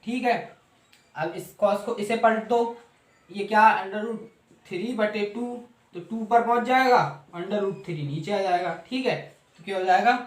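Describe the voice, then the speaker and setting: A man's voice: sits high, unhurried. A man teaching mathematics in Hindi, walking through a table step by step, asking questions and answering them himself. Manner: asks and answers his own questions, repeats steps. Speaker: math teacher. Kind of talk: classroom explanation of a trig table. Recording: echoey room.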